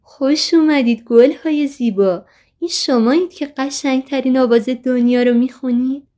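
A woman's voice: sits high, voice pushed up, natural voice. A woman voicing an eager, cheerful little boy in a children's story. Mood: excited. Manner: excited, wondering calls.

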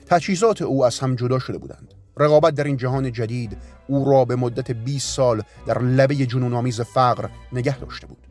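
A man reading a story aloud as narrator, in a steady, even storytelling manner. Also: mid-range voice.

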